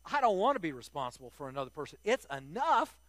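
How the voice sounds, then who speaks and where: A man's voice: a little high, sing-song, quick pace, fairly bright tone, no echo. An older man preaching a sermon to his congregation, earnest and emphatic, often repeating words as he restarts a phrase.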